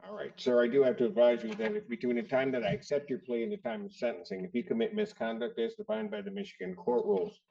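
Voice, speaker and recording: A man presiding as a judge, running formal court proceedings in a brisk, blunt, procedural way, heard on a courtroom recording. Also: sits high, creaky, mellow. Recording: distant, dull courtroom recording.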